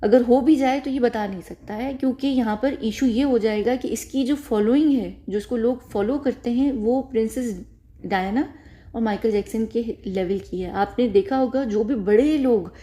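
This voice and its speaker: Mellow-voiced woman rambling commentary. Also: fairly high pitch, normal speed. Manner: rambling, repeats phrases, frequent self-corrections. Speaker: YouTube commentator. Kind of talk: casual spoken commentary to camera.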